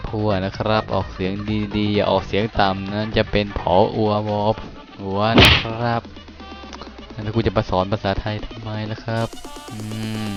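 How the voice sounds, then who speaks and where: Man, young adult, low voice, casual game commentary, jokey, talks to himself, music in the background. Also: level tone, moderate pace, highs cut off. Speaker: gamer. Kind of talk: casual let's-play commentary. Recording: music playing under the voice.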